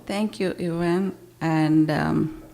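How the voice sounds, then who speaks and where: A woman from Sri Lanka, emceeing a library poetry reading with relaxed, unhurried asides. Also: lowish voice, a little hiss or hum. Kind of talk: introducing readers. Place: public library event.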